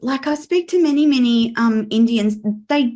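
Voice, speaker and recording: A woman's voice: high voice, animated, quick pace, dark tone. A woman from Australia with an Australian accent, interviewing a guest in a conversational style.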